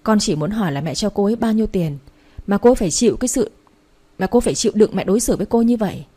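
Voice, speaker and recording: A woman voicing a calm, concerned young husband questioning his mother in a spoken story. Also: mid-range voice, fast, breathy edge.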